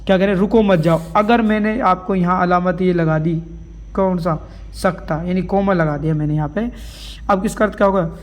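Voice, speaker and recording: A man's voice: high voice, steady tone, moderate pace. A man teaches grammar for an exam. He explains while writing on a board, and keeps asking his students questions that he answers himself. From India. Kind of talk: exam-prep grammar lesson.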